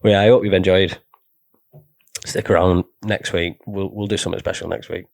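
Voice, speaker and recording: A low-voiced young man chats casually on a podcast. He is weak and hoarse from the flu, swears freely and lets his sentences fade out. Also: level tone, a little fast. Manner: sweary, laid-back, trailing off quietly. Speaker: podcast co-host. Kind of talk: casual chat.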